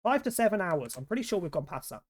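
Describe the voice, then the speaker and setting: A man's voice: high-pitched, sing-song, quick pace. A man streaming a game, rambling casually and swearing freely as he chats. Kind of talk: casual gameplay commentary.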